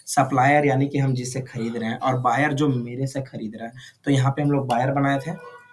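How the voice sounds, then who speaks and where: A man's voice: mid-range voice, fairly even intonation, normal speed, slight background noise. A man teaching a classroom lesson, constantly checking whether students follow. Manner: checks understanding with frequent questions. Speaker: computer course teacher. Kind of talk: live classroom instruction.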